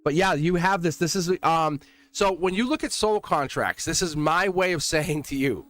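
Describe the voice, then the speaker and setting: Higher-voiced man with a Boston accent. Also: moderate pace. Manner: excitable, chummy address with slangy asides. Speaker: tarot reader and livestream host. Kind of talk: casual live tarot reading, chatting to viewers.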